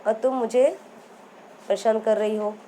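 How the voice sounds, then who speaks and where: Furious lion king of a storybook, loud and threatening, as a woman teacher puts him on. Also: on the high side, steady tone, a little slow, slight background noise, natural voice, rough recording. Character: angry male lion, king of the jungle.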